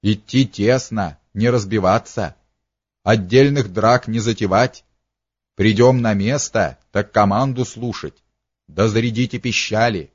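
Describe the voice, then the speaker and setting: A man's voice: lowish voice, unhurried, slightly rough, no echo, lo-fi sound. A man voicing a young prince giving orders. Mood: commanding. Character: young male prince leading his regiment.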